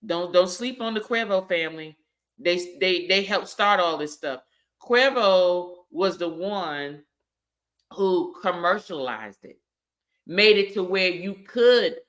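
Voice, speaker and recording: A woman's voice: mid-range voice, fairly bright tone. A woman hosting a casual tasting review, chatty and colloquial, telling stories in a rambling way. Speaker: host reviewing spirits.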